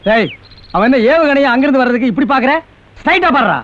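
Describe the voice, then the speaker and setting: An actor playing a bossy, sharp-tongued village man who scolds and mocks his sidekick in a film comedy scene. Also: very high voice, expressive, quick pace. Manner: scolding, mocking sarcasm. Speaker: comic lead in a film scene. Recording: dull old film soundtrack, faint hiss.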